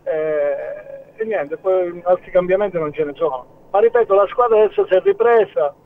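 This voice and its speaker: A high-voiced man talks over a phone line. The sound is tinny and narrow, with a faint hiss underneath. He speaks haltingly and often restarts his sentences. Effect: heard over a phone line. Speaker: football club president. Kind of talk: phone-in interview.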